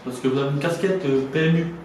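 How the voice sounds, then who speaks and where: A man's voice: on the high side, steady tone, fast, a little mellow. A man hosting a mock documentary interview, asking questions in a formal, polite way. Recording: very echoey, distant mic, faint noise.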